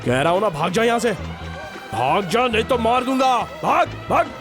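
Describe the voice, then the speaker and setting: A man's voice: high-pitched, lively intonation, very fast. An actor dubbing a tough young man who threatens bullies in a film, with a menacing edge. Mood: furious. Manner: threatening, then wearily self-mocking. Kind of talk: dubbed film dialogue. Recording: film soundtrack with music behind.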